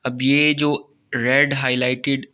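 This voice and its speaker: A man teaching a grammar lesson from slides. He talks patiently, repeats each term and adds a quick "okay" often, and reads English definitions slowly before he explains them. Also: medium pitch, little pitch movement, pushed and bright, muffled recording.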